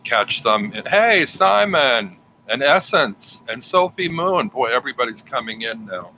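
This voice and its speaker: On a home livestream setup, a male host chats casually with his guest and viewers in a very animated, unhurried voice of medium pitch that sounds pushed and bright. The recording is rough, with faint background noise.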